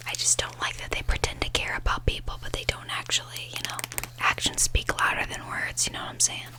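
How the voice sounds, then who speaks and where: A woman whispers in a breathy voice, chatting in a casual, rambling, slangy way for ASMR. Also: fairly quick. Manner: informal, slangy, sweary, rambling. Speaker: ASMR video host. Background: nail tapping and page fluttering.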